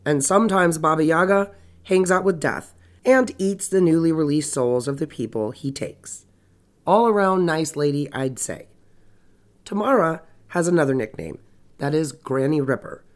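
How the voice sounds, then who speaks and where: A woman with a low, animated voice hosts a true crime podcast at a moderate pace. Her nose sounds stuffy and her voice scratchy, and she narrates casually, tossing in wry, sarcastic asides.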